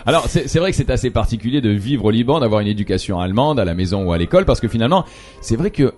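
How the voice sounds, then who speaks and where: A man from Lebanon hosting a casual talk segment, jokey and animated, often repeating words. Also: medium pitch, racing, soft background music. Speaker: host. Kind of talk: casual studio chat.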